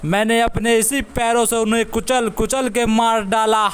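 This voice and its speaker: A man's voice: pushed and bright, clear, resonant tone, exaggerated voice. A man doing a gloating cruel elephant. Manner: booming threats, mocking laughter. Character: boastful cruel bull elephant, huge and gloating. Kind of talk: cartoon voice acting.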